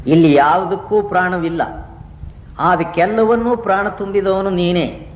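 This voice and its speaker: A man preaches to a gathering, his voice sitting a touch higher than most men's. He teaches through stories and rhetorical questions. The old recording is roomy, with a faint hiss underneath. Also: lo-fi sound. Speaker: spiritual teacher. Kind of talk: devotional discourse to a gathering.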